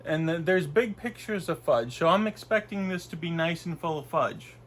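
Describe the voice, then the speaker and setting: Lively in intonation and a little bright, a young man's high voice moves at normal speed as he reviews food indoors in his small bedroom. He's from Canada, congested with a cold, and talks casually, rambling with plenty of fillers and false starts.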